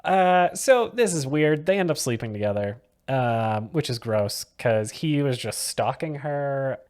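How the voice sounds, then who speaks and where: A man's voice: mid-range voice, expressive, measured pace, a little mellow. A man co-hosting a casual movie-review podcast, who laughs often as he talks. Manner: giggly, laughs often mid-sentence. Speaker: podcast co-host.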